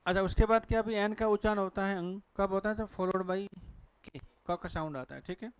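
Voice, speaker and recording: Male teacher with a Hindi accent, high clear voice, dry sound, quizzing the class and answering himself. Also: moderate pace, dry recording. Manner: asks the class questions and answers them himself. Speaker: English teacher. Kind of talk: classroom lecture on pronunciation. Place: classroom with a board.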